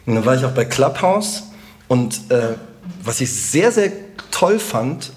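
A middle-aged man with a Rhineland German accent, a comedian chatting as a podcast guest in an animated, joking and emphatic way. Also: mid-range voice, slow pace. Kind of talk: casual podcast conversation.

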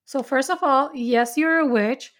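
A woman's voice: sits high, a little slow, a bit bright. A woman chatting casually, earnestly explaining her spiritual beliefs at length with frequent restarts.

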